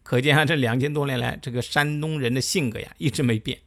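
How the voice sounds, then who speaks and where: A man telling a history story in a lively, colloquial way, full of chatty asides. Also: medium pitch, fast talker, creaky.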